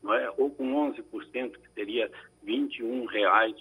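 A man, a lawyer on a Brazilian radio call-in show, answering listener questions in a measured, explanatory way with frequent tag questions. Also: medium pitch, pushed and bright, husky, poor audio. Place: radio studio.

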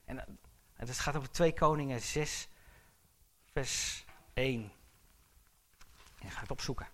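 A man's voice: medium pitch, measured pace, fairly bright tone. A male pastor delivering a sermon, asking the congregation questions and building to urgent, emphatic exhortation.

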